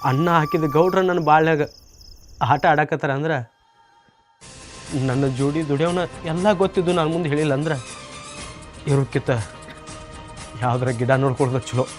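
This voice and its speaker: A man's voice: a little high, brisk, pauses often, close to an everyday voice. A man playing a betrayed farm laborer husband in a village short film, with a North Karnataka Kannada accent, pleading and reproachful. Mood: anguished. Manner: pleading and reproachful, rising to anguished shouts. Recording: film soundtrack with background music.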